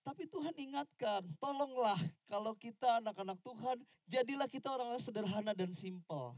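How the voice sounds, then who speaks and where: Chatty high-voiced woman preaching to teens. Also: expressive, fairly quick, darkish tone, dry recording, clean studio sound. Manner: chatty, peppered with tag questions and Jakarta slang; acts out quoted lines with shifting voice. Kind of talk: casual youth sermon.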